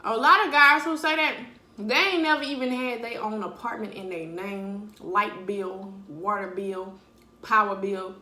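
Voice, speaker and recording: A woman's voice: medium pitch, unhurried, sharp tone, reverberant. A young woman talking bluntly and animatedly in slang during a casual eating-video monologue at home. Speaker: vlogger.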